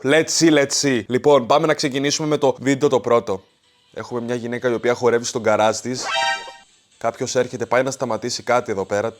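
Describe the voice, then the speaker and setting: A young man from Greece reacts to funny clips from home in a casual, slangy way. He shifts from loud excited outbursts to hushed muttering. His voice sits at an ordinary middle pitch, with faint music playing behind him. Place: home, kitchen and living room.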